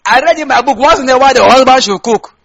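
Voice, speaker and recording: This sermon comes from a Hausa-accented man of Kaduna State, northern Nigeria, whose very high-pitched, fast, fairly bright voice carries some vocal fry. Talking conversationally to the congregation, he repeats phrases and asks listeners to finish or confirm his lines.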